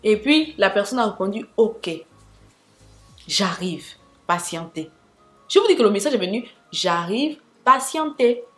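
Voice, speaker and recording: A woman's voice: medium pitch, expressive, normal speed, fairly bright tone, faint music behind. A young woman telling a dramatic storytime vlog, talking straight to her viewers with asides. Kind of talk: animated storytime monologue.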